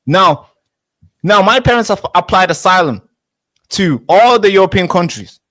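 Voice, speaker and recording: A man's voice: high-pitched, expressive, moderate pace, fairly bright tone, no echo. A man in his twenties, born in Tanzania, arguing insistently in a heated street debate and cutting in to hold the floor. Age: 20s. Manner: insistent, interrupts with repeated "wait, wait". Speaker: interviewee.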